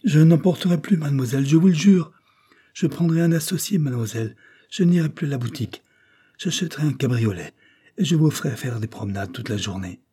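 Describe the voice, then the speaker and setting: A man's voice: medium pitch, expressive, fairly quick, warm tone, husky. A man voicing a lovesick, anxious shopkeeper, stammering and pleading in an audiobook.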